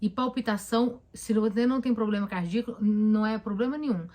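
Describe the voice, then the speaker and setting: A woman's voice: mid-range voice, quick pace, warm tone. A woman with a Brazilian Portuguese accent, a therapist giving casual advice on a live stream, talking emphatically and repeating points as she coaches listeners directly.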